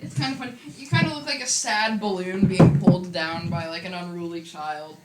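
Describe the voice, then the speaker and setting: A woman's voice: on the low side, a little fast. Casual young woman GM, chatty, filler-heavy, recorded in an echoey room with noise behind. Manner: chatty, loose, lots of fillers. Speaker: game master. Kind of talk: casual tabletop narration.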